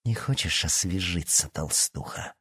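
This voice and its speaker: A man reading an audiobook and voicing a cruel, scornful teenage girl who speaks slowly and coldly. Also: deep voice, sharp tone, slightly rough, no room sound, studio quality, heavily acted. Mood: cold mocking. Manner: slow, cold and contemptuous.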